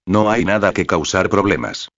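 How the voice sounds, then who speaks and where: Kind expedition leader, read by a deep-voiced man. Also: expressive, normal speed, fairly bright tone, no room sound, dull audio. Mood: gentle.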